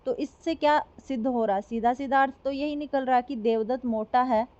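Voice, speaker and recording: A woman teacher giving an explanatory lecture, asking questions and answering them herself, repeating examples slowly. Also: high-pitched, darkish tone. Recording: dull lo-fi recording.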